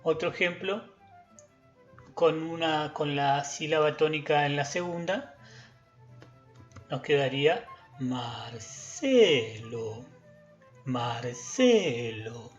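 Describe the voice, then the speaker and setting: Patient music teacher, slow and methodical, dull recording with faint music behind. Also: medium pitch, steady tone. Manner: slow, patient, chants example words syllable by syllable. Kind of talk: recorded lesson.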